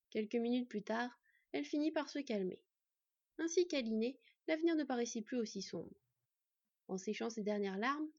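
Woman reading a fairy tale aloud, warm soft tone, muffled lo-fi sound. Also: on the high side, no echo. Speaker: narrator. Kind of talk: storybook narration. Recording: dull lo-fi dry recording.

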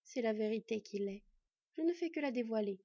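A woman voicing a cunning male hunter who lures his prey with slow, mocking, honeyed words, in an audiobook reading. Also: a little high, animated, warm tone, breathy edge, dry recording, lo-fi sound. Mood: coaxing. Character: sly cunning male hunter villain, smooth-talking.

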